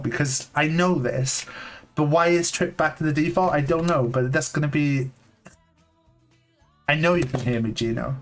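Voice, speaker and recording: A man in his late thirties streams live from home, speaking casually and candidly in a fairly high voice. His speech is halting, full of restarts and "like" fillers. He uses a desk mic on a long cable, and faint lo-fi music plays in the background.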